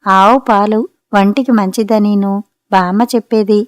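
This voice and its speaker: A woman's voice: medium pitch, steady tone, a little slow, no echo, clean studio sound, natural voice. A woman reader voicing a playful, stubborn young wife who coaxes and wheedles, in a storybook reading. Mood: boastful. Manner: coaxing, wheedling.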